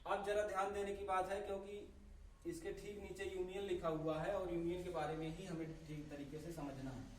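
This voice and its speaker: A man teaching a grammar lesson, explaining slowly and methodically, spelling out sounds one by one. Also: high voice, steady tone. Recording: echoey room, voice from a distance, faint ambient noise.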